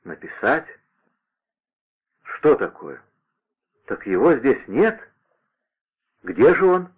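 A man voicing a bold young male musketeer who speaks in brisk exclamations. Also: mid-range voice, big pitch swings, husky, pitched above the performer's own voice, exaggerated voice. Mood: impatient. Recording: narrow radio-like sound.

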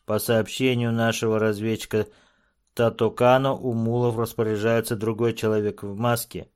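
Suspicious warrior, blunt sharp delivery, read by a man, audiobook. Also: lowish voice, flat delivery, normal speed, clear, resonant tone, natural voice.

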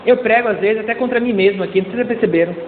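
A male pastor preaching a sermon in a lively, joking way, calling out to the congregation for responses. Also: sits high, very fast, a little hiss or hum. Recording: echoey church hall over a tinny lo-fi line.

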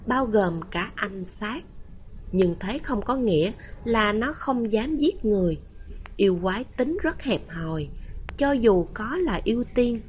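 A woman narrating a fantasy audiobook in a steady, even storytelling manner. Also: medium pitch, slight background noise. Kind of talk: scripted narration.

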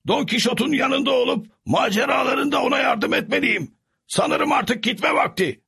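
A man voicing a nervous, fussy middle-aged squire in a storybook reading, high and fretful. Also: normal speed, gravelly, sharp tone, breathy edge, exaggerated voice. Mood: resolved. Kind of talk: storybook character voice.

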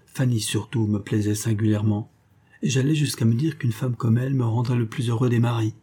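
A man reading a classic comic story aloud as narrator, lifting his pitch for the quoted characters. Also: steady tone, fairly quick, dark tone, breathy edge.

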